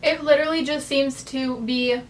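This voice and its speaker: A woman's voice: high-pitched, fairly even intonation, moderate pace, recorded from a distance, a little hiss or hum. A young American woman vlogging casually from her bed, rambling chattily with lots of fillers. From United States. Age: young adult. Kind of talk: casual chat. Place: in bed, bedroom.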